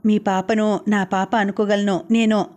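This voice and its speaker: A woman's voice: mid-range voice, level tone, measured pace, lightly acted. A woman reading the lines of a playful, affectionate young man in an audiobook novel. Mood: teasing. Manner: playful, gently teasing.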